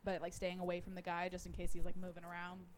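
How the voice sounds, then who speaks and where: A woman's voice: fairly low pitch, completely flat delivery, quick pace, slight background noise. A woman player chatting casually and narrating what her character does in a tabletop game.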